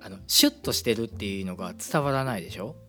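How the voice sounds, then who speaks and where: A man with a Kansai accent hosting a casual radio show, relaxed and friendly, polite when closing the show. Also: on the low side, fast, soft background music. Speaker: radio host. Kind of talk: casual chat.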